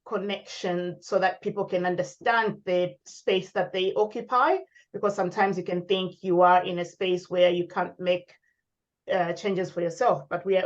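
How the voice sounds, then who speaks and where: A woman from Zambia, a guest at a panel discussion on leadership, introducing herself in a measured way. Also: lowish voice, muffled recording. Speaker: guest speaker, leadership lecturer.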